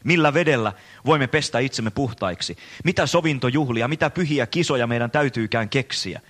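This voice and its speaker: A man's voice: mid-range voice, a bit bright, natural voice. A man reading aloud the words of a frantic madman, in an impassioned, dramatic way with rising rhetorical questions. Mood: anguished. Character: frantic madman crying out that God is dead.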